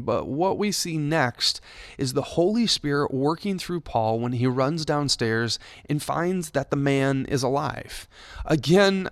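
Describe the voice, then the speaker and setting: A man's voice: medium pitch, no echo, studio quality. A man who works for a church, giving a conversational devotional Bible talk with touches of light humor.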